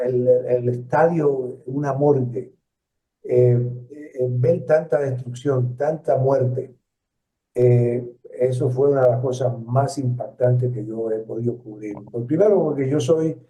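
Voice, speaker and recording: A man in his seventies with a Puerto Rican Spanish accent, telling stories in an interview, reflective and halting with many fillers and restarts. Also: mid-range voice, warm tone. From Puerto Rico. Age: 70s. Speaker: interviewee, retired journalist. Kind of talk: storytelling interview. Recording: roomy, distant, dull lo-fi sound.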